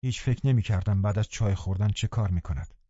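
A man narrating an audiobook in a calm, measured storytelling manner. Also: lowish voice, husky, no echo. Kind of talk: scripted narration. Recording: slightly dull, muffled recording.

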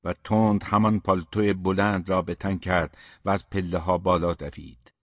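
A man narrating a literary novel as an audiobook in a measured, steady manner. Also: deep voice, dry recording. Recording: dull, muffled dry recording.

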